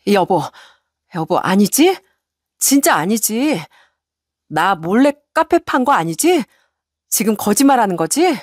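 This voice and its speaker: A woman voicing a frantic young wife who turns from shrill indignation to desperate pleading. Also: big pitch swings, a little slow, long pauses, no room sound, studio quality. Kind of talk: story radio reading.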